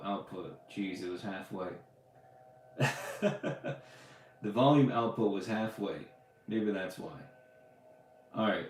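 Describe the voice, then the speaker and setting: A man's voice: fairly low pitch, darkish tone, slight background noise. A man hosting a casual live podcast, chatting loosely with lots of fillers and restarts. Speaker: podcast host answering live questions. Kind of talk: casual livestream chat. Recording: roomy echo.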